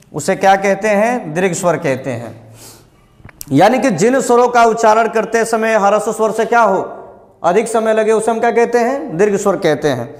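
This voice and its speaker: A male Hindi coaching teacher from Uttar Pradesh with a fairly high voice, teaching a grammar lesson. He asks his own questions, answers them, and goes over each point again and again. The sound carries a long reverb, as if recorded in a hall.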